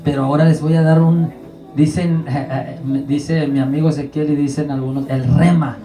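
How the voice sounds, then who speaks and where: A man preaches from the pulpit, telling stories and acting out the voices in them. His voice is mellow and dark. It rings in a roomy church, with a guitar playing faintly behind. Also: a little high, flat delivery, moderate pace, distant mic. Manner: storytelling, acting out quoted voices. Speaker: pastor. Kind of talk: sermon.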